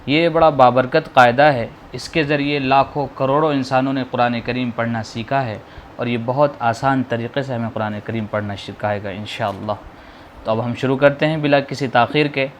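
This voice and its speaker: A man teaching how to read the Quran, slowly drawing out each letter sound and patiently explaining how to pronounce it. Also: mid-range voice, steady tone, slight background noise. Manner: slow, drawn-out modeling of sounds, explaining patiently. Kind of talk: spoken lesson on letter pronunciation.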